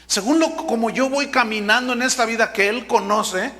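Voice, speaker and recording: A male pastor preaching a sermon with emphatic delivery, slowing down to stress key words. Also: extremely high pitch, bright, forceful tone, long reverb tail.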